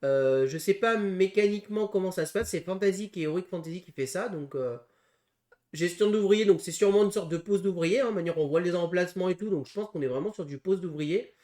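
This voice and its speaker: A man's voice: high-pitched, mellow. Hesitant man explaining board games. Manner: hesitant, full of pauses and restarts while explaining rules. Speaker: board game channel co-host. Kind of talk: casual board game preview chat.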